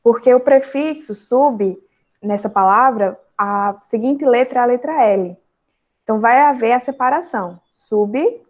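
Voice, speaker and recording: A young woman with a Brazilian Portuguese accent teaching an online grammar lesson, explaining step by step and slowly spelling out syllables, with frequent fillers. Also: a little high.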